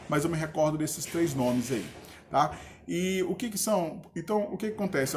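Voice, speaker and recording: A male teacher with a Brazilian Portuguese accent, giving a casual grammar lesson and checking in with his students often. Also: a little high. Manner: relaxed, chatty, checks in with the class often.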